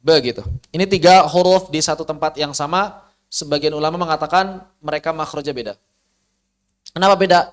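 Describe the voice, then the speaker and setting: A man teaching Quranic recitation, explaining and slowly repeating letter sounds to demonstrate them. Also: on the high side. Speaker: tajwid teacher. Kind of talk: recorded lesson on Quranic pronunciation.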